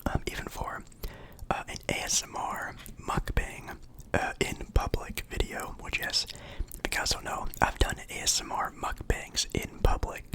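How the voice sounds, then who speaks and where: A man's voice: measured pace, sharp tone. A young man whispering casually as an ASMR creator, chatting about food between bites.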